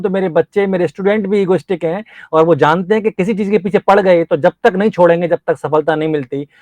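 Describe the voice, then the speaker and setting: A man's voice: sits high, a little mellow, dry recording. Encouraging male coach, dry close sound. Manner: earnest, encouraging, speaks like a teacher. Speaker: nursing exam coach interviewing a topper. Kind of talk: motivational interview.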